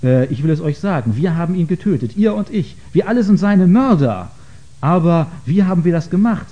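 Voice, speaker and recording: A man reading aloud the part of a frantic madman who cries out urgent questions about the death of God. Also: mellow. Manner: urgent rhetorical questioning, raised pitch. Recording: dull lo-fi recording.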